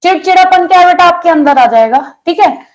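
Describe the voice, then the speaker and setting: A woman's voice: very high voice, expressive, a little fast. A young woman teaching an online exam-prep lesson in a chatty way, teasing her students with jokes.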